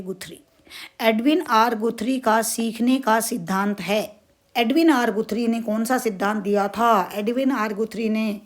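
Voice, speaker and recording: A woman teacher with a north Indian accent giving an exam-prep lecture, asking questions and answering them herself, repeating key terms and using everyday stories. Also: on the high side. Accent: Hindi, north Indian. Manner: uses everyday stories and dramatic asides.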